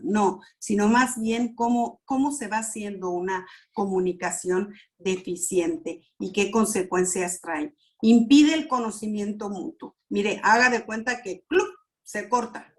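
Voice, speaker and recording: Middle-aged woman leading a premarital class at an unhurried pace, repeats herself, acts out little prayers. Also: mid-range voice. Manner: slow, repetitive, with sound words and acted prayers. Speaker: premarital counseling teacher. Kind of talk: church class teaching.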